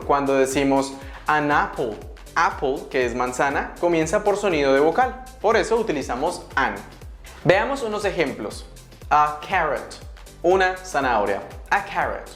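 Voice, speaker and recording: A woman teaching an English grammar lesson, lively and leaping up high on questions, slowing down to spell out example words. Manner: lively, bursts up high on questions and calls to attention. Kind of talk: video English lesson for Spanish speakers. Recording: roomy sound with soft background music.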